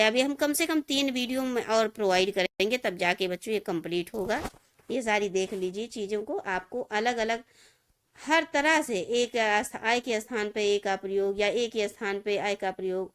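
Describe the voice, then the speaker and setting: A middle-aged woman teaches Hindi grammar in a video lesson at an even, mid-range pitch. She reads each misspelled word and then the right one, speaking straight to her students. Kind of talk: classroom-style video lesson.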